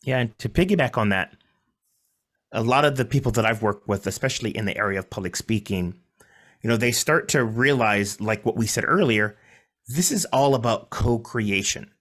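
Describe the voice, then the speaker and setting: A man on a podcast panel sharing his experience training public speakers in a relaxed, conversational way. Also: medium pitch, normal speed. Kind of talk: panel discussion.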